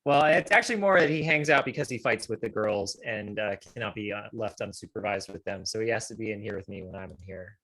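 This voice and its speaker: A man's voice: lowish voice, fast, hardly any pauses, sharp tone. Rambling, thoughtful co-host, a man. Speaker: podcast co-host. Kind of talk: casual chat.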